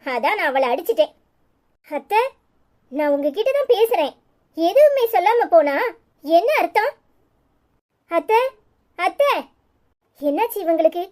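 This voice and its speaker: A woman's voice: very high-pitched, big pitch swings, a little slow, pauses often, a little mellow, exaggerated voice. A woman voicing Anitha, a hot-tempered young wife. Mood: worried. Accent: Tirunelveli Tamil. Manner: scolding, then fretful.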